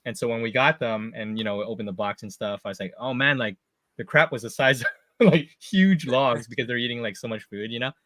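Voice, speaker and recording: Chatty laughing podcast host, bright voice. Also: male voice, mid-range voice, a little fast, no room sound. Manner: laughs often, relaxed chatty. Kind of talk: casual live chat.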